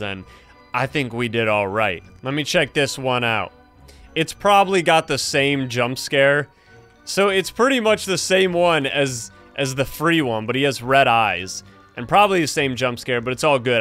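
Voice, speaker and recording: A young adult man hosting gameplay commentary in an animated, exclaiming way, close on a streaming mic. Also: fairly high pitch. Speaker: gaming video host, streamer.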